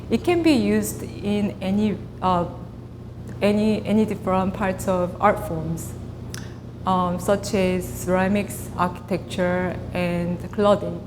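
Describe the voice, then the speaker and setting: A woman from South Korea with a Korean accent, in her late thirties or forties, giving a measured artist talk with pauses and fillers. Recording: reverberant hall with clear rumble.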